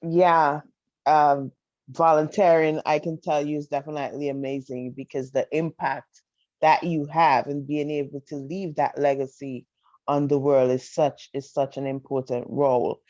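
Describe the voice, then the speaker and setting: A woman's voice: deep voice, level tone, moderate pace, darkish tone, no echo. A woman hosting a podcast interview, asking questions in an encouraging, affirming way. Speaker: podcast host. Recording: dull, dry lo-fi audio.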